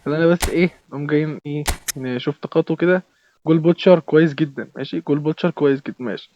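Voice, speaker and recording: A young man with an Egyptian Arabic accent giving excitable live commentary while playing a football game, shouting at the players. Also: fairly high pitch, racing, no room sound, dull audio. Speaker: gaming YouTuber. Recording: clear background noise.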